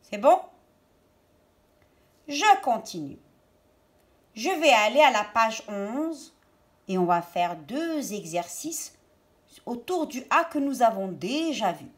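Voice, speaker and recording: Woman teacher, talks real slow to little kids, lively up-and-down voice. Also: fairly high pitch. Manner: slow, deliberate, stresses and repeats words for children. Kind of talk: children's reading lesson.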